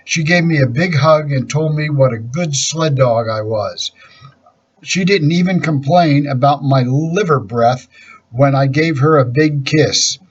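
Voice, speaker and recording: A man reads a children's story aloud at a steady, unhurried pace. His voice is husky and sits at an ordinary middle pitch. The recording sounds dull and lo-fi. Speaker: storybook reader.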